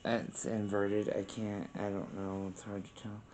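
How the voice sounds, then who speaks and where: A man on a paranormal investigation, asking spirits questions aloud in a hushed, casual way. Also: lowish voice, flat delivery, a little slow, slight background noise. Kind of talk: casual ghost-hunting session. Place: old former brothel building, indoors.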